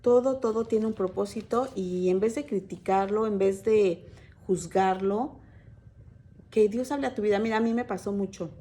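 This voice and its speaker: A woman's voice: mid-range voice, moderate pace, warm tone. A woman giving an informal sermon to a church women's group, talking hesitantly with many fillers and restarts and telling stories to her sisters in faith. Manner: conversational storytelling, addressing listeners as sisters. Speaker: women's Bible teacher at church.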